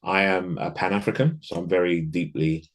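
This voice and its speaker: A podcast guest in a casual interview speaks in a very low voice at a moderate pace. Reflective, he thinks aloud, circling back and frequently restarting his sentences.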